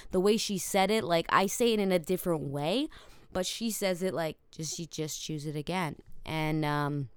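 A woman's voice: on the low side, smooth, no echo, clean studio sound. A woman hosting a podcast, talking earnestly about choice and mindset in a rambling, filler-heavy way. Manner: earnest, rambling, many fillers like "you know" and "like". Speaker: podcast host. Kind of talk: reflective self-help talk.

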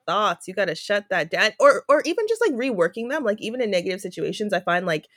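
A young woman co-hosting a casual podcast, speaking in a relaxed, supportive, chatty way. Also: mid-range voice, fast talker, dry recording, clean studio sound. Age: young adult. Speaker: podcast co-host. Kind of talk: casual chat.

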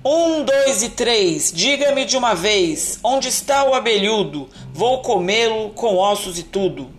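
A woman's voice: on the high side, animated, unhurried, faint music behind. A woman voicing a huge, furious old giant who eats people and bellows his demands. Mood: bellowing.

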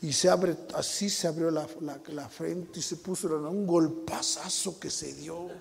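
A man with a Mexican Spanish accent preaching a sermon, telling a personal story with sound effects and building to shouted appeals. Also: a little high, fairly even intonation, a little slow, gravelly, big-room sound.

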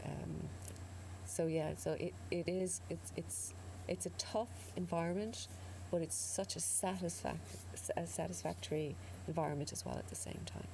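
A woman from North Kerry with a west of Ireland accent, talking reflectively as an interview guest in a thoughtful, hesitant way with trailing pauses. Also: lowish voice, steady tone, creaky, noisy background.

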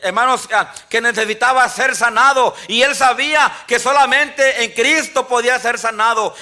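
A male pastor preaching a sermon in a church, quoting scripture and often pausing for "amen, brothers". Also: extremely high pitch, bright, forceful tone. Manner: preaching with frequent "amén, hermanos" and quoted scripture. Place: church sanctuary.

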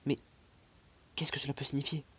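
Man doing a hot-tempered old professor, explosive shouting outbursts, husky voice, storybook character. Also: mid-range voice, flat delivery, brisk. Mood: puzzled. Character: irascible elderly male professor. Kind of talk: audiobook character voice.

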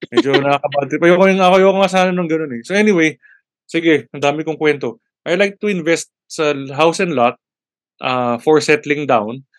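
A man chatting casually as a podcast co-host, halting often to search for words and mixing in English phrases. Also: fairly high pitch, dry recording, clean studio sound. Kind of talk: casual chat.

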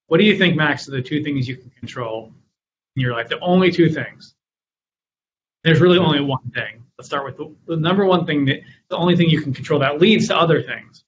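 A man's voice: a little high, a little fast, highs cut off, slight background noise. A man answering interview questions about running his company and telling stories from his business. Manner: storytelling, acts out his own past lines with rising energy. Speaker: guest, company founder and author.

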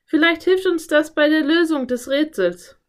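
Woman doing an excitable young girl. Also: sits high, normal speed, voice pushed up, close to an everyday voice. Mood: excited. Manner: bright, pleading, excited calls.

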